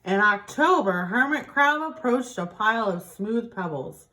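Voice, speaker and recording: Slow-paced woman reading a children's storybook. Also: medium pitch, expressive, sharp tone, poor audio. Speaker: early childhood teacher reading aloud. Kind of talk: expressive picture-book narration for young children.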